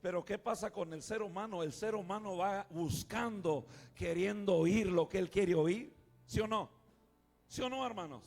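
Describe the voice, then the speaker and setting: A male pastor preaching a sermon, calling out to the congregation and swinging from quiet asides to shouting. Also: high voice, normal speed, vocal fry. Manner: calls out to the congregation, often says "hermano".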